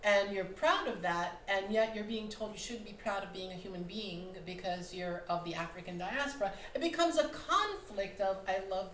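A woman's voice: mid-range voice, expressive, normal speed, few pauses, a bit bright. A woman, the playwright, speaking at a post-show panel on a theater stage in a thoughtful, emphatic way, often asking "right?". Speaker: playwright and producer. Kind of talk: panel discussion. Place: small theater stage, indoors. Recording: roomy hall, faint noise.

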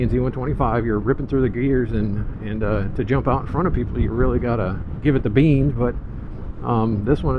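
A man giving casual, easygoing riding commentary from inside a helmet as he vlogs on a scooter. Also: mid-range voice. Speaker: motorcycle vlogger. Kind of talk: casual first-ride vlog commentary while riding. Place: outdoors, riding a scooter through town streets. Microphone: mic inside a motorcycle helmet. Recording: muffled helmet mic, loud wind and road noise.

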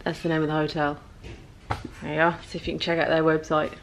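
A woman's voice: low-pitched, completely flat delivery, fast, low-quality recording. A young woman chatting through a casual travel vlog on a handheld phone, full of ums as she goes, in a hotel buffet and then an airport terminal. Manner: chatty, hesitant with frequent ums. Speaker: travel vlogger. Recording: clear background noise.

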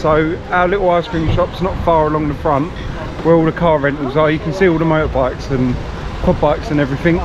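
A man's voice: fairly high pitch, fairly even intonation, a little fast, highs cut off, noisy background. A man filming a casual travel vlog outdoors in a town, chatty and blunt, talking to a handheld camera. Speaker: vlogger.

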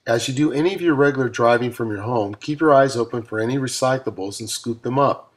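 A man's voice: mid-range voice, fast. A man reading his own audiobook aloud in an upbeat, motivational coaching manner, with casual asides. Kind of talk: self-read audiobook narration.

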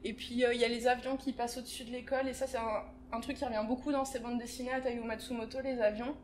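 A woman recommending a comic book in a library video, thoughtful and pausing on fillers. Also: on the high side, level tone, slight background noise. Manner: warm, thoughtful, hesitant with fillers. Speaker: library presenter. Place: library, indoors.

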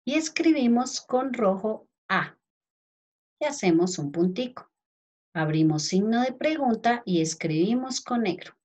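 Speaking a little slowly, a Colombian Spanish-accented primary school teacher dictates a lesson for young children word by word. She spells out letters and calls the pupils by affectionate names, her voice animated, on the high side, and a little mellow.

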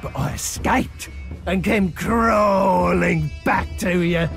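A man voicing a creepy, obsessive, unhinged orc in a video game, with a creaky voice. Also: sits high, takes it slowly, a bit bright, faint music behind, heavily acted. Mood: creepy threat.

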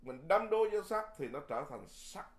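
Folksy monk preaching. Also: male voice, fairly high pitch, a little fast. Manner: lively, folksy, repeats words, chuckles. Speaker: Buddhist monk teacher. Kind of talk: Dharma sermon.

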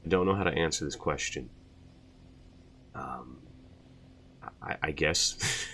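A man's voice: rumbling low, slow, sharp tone, slight background noise. A young man hosting his channel, answering viewer questions in a loose, rambling way with lots of fillers. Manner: rambling, many fillers, laughs at himself. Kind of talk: casual Q&A chat.

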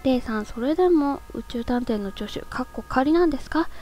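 A woman's voice: high voice, expressive, a little fast, mellow, a little hiss or hum. A woman reading the lines of a cheeky young female assistant in a game, polite on the surface but mocking. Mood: teasing.

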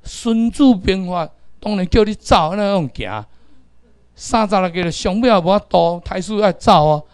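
A man's voice: high-pitched, expressive, normal speed, darkish tone, smooth, no room sound. A middle-aged man with a Taiwanese accent teaching a class, lecturing and calling out drill commands for the students to repeat.

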